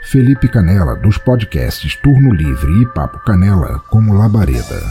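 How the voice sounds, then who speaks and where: Over music, a man with a Brazilian accent narrates a dramatic tale at moderate speed. He has a very deep, soft-toned voice whose pitch moves with lively variation.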